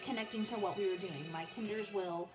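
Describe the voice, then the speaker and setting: A young music teacher with a mid-range voice reads a biography to her pupils at a fairly quick pace. Her manner is informal, full of casual asides, and she often breaks off to soothe a small child.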